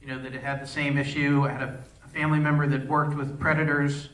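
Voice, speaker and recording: A man's voice: fairly high pitch, level tone, fast talker, a bit bright, recorded from a distance. Rambling man in an echoey hall. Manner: rambling, restarts often, many fillers. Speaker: film director at a post-screening Q&A. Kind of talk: unscripted answers to audience questions. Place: theater at a film festival.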